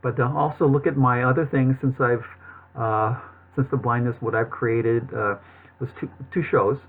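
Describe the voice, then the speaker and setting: A man telling his personal story to viewers in a halting way, with a slight lisp and numb-lipped speech, as if numb from the dentist. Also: medium pitch, steady tone. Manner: halting, with long pauses and repeated words. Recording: thin, phone-like narrowband sound.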